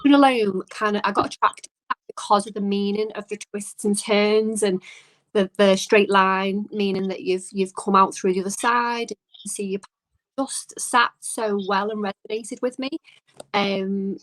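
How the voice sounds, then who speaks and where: A woman's voice: mid-range voice, fairly even intonation, normal speed, fairly bright tone, rough recording. Reflective woman guest in a casual interview. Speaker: interview guest, small business owner.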